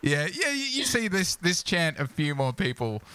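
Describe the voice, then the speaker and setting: A man narrating a tabletop game as game master, animated and full of fillers. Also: fairly high pitch, normal speed, over a noisy crowd.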